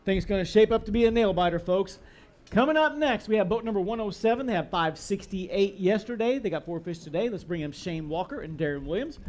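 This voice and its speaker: A man's voice: sits high, expressive, fairly quick, darkish tone. A man announcing a live fishing tournament weigh-in outdoors on a headset mic, upbeat and joking with the anglers. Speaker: tournament emcee. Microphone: headset microphone.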